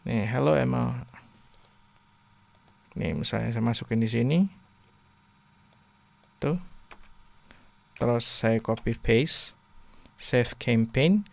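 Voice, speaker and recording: Gravelly casual Indonesian English teacher. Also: male voice, medium pitch, lively intonation, a little mellow, no room sound. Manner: chatty, many fillers, reads English lines slowly then translates. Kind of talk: casual video lesson.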